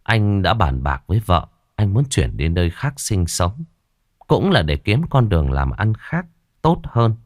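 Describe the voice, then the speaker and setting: A man narrating a ghost story audiobook in an expressive, dramatic manner. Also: low-pitched, no room sound, studio quality.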